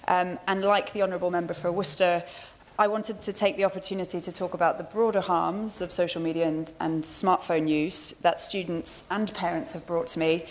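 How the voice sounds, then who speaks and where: A woman with a slightly low voice delivers a formal parliamentary speech in a courteous manner. Faint noise sits behind her. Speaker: member of parliament. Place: parliamentary debating chamber.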